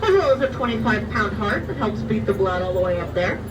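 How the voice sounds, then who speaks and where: A woman giving a friendly, lightly scripted guided tour through an outdoor loudspeaker, with small slips as she talks. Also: medium pitch, lively intonation, a little fast. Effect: outdoor loudspeaker announcement. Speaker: zoo train tour guide. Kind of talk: informative guided tour narration. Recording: distant loudspeaker, loud outdoor vehicle noise.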